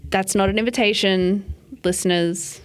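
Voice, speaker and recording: A woman's voice: medium pitch, steady tone, moderate pace. Chatty woman podcast host. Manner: chatty, rambling, lots of likes. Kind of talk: casual comedic chat.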